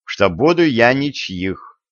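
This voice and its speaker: A man's voice: medium pitch, big pitch swings, slow pace, no echo. A man voicing a bold young male prisoner in an audiobook, talking in a curt, weary, self-assured way. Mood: sardonic. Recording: dull, dry lo-fi recording.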